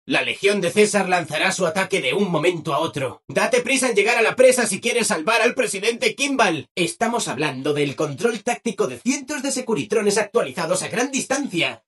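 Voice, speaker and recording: A relentlessly chirpy video game robot, speaking with a Castilian Spanish accent. The voice sits high and swoops up and down with a slightly husky edge. It is servile and fawning, eager to please in every phrase. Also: male voice, expressive, normal speed, hardly any pauses, a bit bright, full character voice. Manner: exaggeratedly upbeat, fawning, sing-song.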